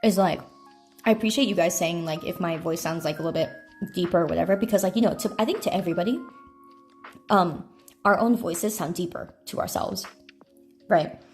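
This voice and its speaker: Speaking fairly quickly with long pauses, a woman chats casually on a livestream while snacking, faint music in the background. She uses a phone mic in an echoey room at night, rambling along in what she describes as her deeper voice.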